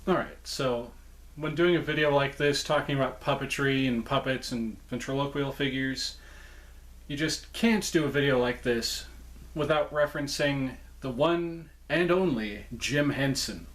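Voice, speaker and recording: Male collector-presenter, mid-pitched voice, casual show-and-tell delivery, chatty, informal, self-correcting. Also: fairly bright tone. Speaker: presenter showing a puppet collection.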